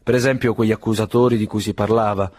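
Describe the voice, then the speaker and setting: A man's voice: fairly low pitch, fairly even intonation, fast, darkish tone, dry recording, clean studio sound, close to an everyday voice. A man voicing a proud, irritable old aristocrat. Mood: icy ironic. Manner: cold and ironic, flaring into indignant outbursts.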